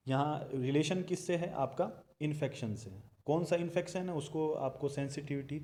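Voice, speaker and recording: A young man with an Indian English accent and a warm, mid-range voice gives a recorded lecture on nursing exam material. He poses questions and then answers them himself.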